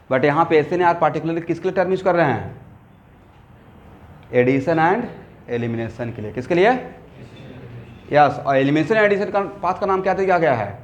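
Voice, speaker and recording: A man with a fairly high-pitched voice gives a chemistry lecture to a classroom of students, which is also streamed online. He poses questions to the class and answers them himself, mixing English technical terms into his speech. The sound is lo-fi.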